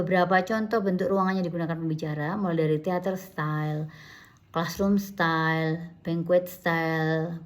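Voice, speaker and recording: A middle-aged woman giving a recorded university lecture, listing her points in order and often correcting herself mid-word. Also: lowish voice. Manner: lists points in order with frequent self-corrections.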